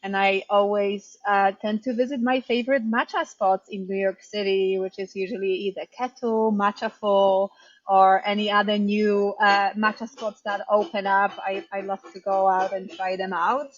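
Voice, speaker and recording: A woman's voice: medium pitch, flat delivery, moderate pace, dry recording, highs cut off. Polish-raised woman telling her story, dry sound. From Poland. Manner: chatty, warm storytelling with frequent ums and light laughs. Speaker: bakery owner and head baker, guest. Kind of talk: casual interview answers.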